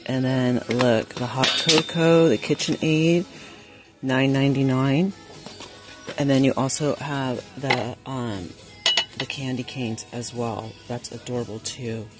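A woman filming a shop-with-me vlog in a large store on a handheld phone, chatting excitably and reading prices aloud. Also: a bass voice, slow pace, music in the background. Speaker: vlogger. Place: large indoor retail store. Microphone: handheld phone camera.

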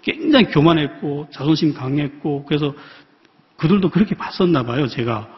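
A man from North Korea, a missionary preacher, giving a personal testimony sermon in a large church, reflective and halting, with many pauses and fillers. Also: on the high side, lively intonation. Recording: dull, reverberant church hall sound.

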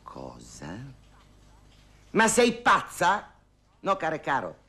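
A man's voice: fairly low pitch, expressive, normal speed. An actor playing a lonely older woman who gossips and haggles on the phone in a theatrical monologue, sighing and wryly complaining. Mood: bargaining. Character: lonely, wry older woman hiring a dance partner.

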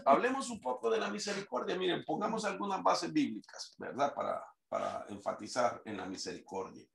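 A man's voice: on the high side, lively intonation, brisk, vocal fry, a bit bright, echoey room. A man preaching a sermon, quoting scripture in a raised reading voice. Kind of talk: sermon teaching.

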